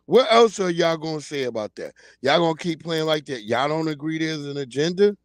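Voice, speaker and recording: Speaking into a streaming mic, this livestream host in his forties rants about current events in blunt, slangy casual commentary. He sounds on the high side, animated and brisk, with no room sound.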